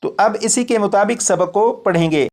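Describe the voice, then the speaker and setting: A man teaching Quran recitation, explaining letters slowly and drawing out each sound for the student to repeat. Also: sits high. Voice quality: drawn-out chanted letter sounds in drills. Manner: patient, repeats each point, pauses for the student. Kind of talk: slow step-by-step lesson on letters.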